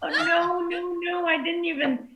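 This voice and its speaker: A woman with a hoarse, raspy voice from laryngitis, chatting casually at an amateur open mic. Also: very high-pitched, steady tone, measured pace. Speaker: amateur singer and ukulele player. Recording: phone-like band, echoey room, loud music.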